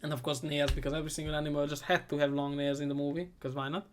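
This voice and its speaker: A man giving a comedic movie recap, sarcastic and profane, rambling and often trailing off into quieter asides. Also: fairly high pitch, flat delivery, racing. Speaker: movie reviewer.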